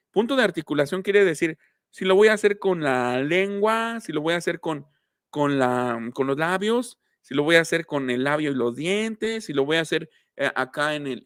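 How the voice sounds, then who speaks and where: A man's voice: fairly high pitch, clear, resonant tone, no room sound, studio quality. A man giving a casual live-streamed phonetics lesson, chatting and greeting viewers as he explains. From Mexico. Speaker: linguistics teacher.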